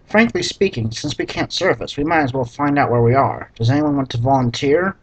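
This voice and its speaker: A man's voice: mid-range voice, brisk, breathy edge, no echo, muffled recording, lightly acted. A man reading the lines of a stranded crew leader asking for volunteers in a plain voice. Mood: matter-of-fact. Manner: flat mock reading of stiff dialogue.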